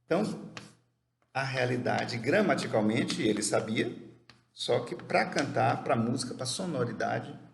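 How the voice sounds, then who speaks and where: A man teaching an English grammar lesson who explains step by step, asks questions and answers them himself, and reads the English examples slowly and carefully. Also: mid-range voice, lively intonation, vocal fry. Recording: echoey room with faint background noise.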